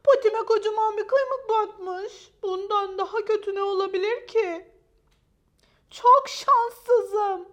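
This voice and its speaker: A woman's voice: very high-pitched, takes it slowly, fairly bright tone, voice pushed up, full character voice. A woman voicing a whiny, self-pitying young female dog who wails dramatically about her troubles. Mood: wailing. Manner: wailing, dramatic complaints.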